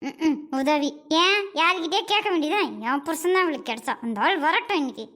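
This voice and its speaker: A woman's voice: extremely high pitch, expressive, fairly quick, a bit bright. A woman acting a jealous, sarcastic wife who nags and grumbles in a comedy sketch. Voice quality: sarcastic, nagging. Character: jealous sharp-tongued wife, middle-aged.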